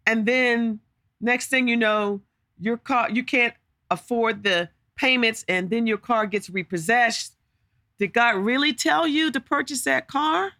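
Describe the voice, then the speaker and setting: A woman's voice: fairly high pitch, unhurried, sharp tone, no echo, studio quality. A woman preaching a podcast sermon, emphatic and full of rhetorical questions and repeated words.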